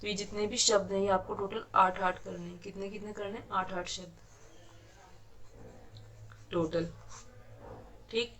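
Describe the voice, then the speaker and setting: Woman, teacher, online kindergarten lesson, patient, step-by-step, flat even tone. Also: medium pitch, measured pace, long pauses, a little hiss or hum. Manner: patient, explains step by step, often checks with "ठीक है".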